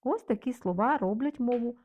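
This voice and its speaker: A woman teaching vocabulary in a calm, measured way, repeating example phrases slowly. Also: on the high side. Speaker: language teacher.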